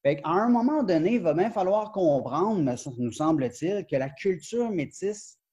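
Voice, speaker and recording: A man's voice: sits high, expressive, moderate pace, dark tone, breathy edge. A man in his forties with a Quebec French accent, a professor explaining his research in a video-call interview, talking animatedly with many fillers and restarts. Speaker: professor and book author, guest. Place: glass-walled sunroom indoors. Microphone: video call webcam.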